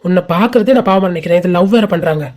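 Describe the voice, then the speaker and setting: A woman's voice: lowish voice, fast talker, darkish tone, natural voice. A woman voicing a cocky, mocking young college man in an amateur cartoon, with a sneering, teasing delivery. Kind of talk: amateur animated cartoon dub.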